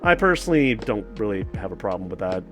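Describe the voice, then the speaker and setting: A man's voice: on the low side, big pitch swings, quick pace, over music. A man hosting a casual commentary video, rambling with many fillers, sarcastic asides and swearing.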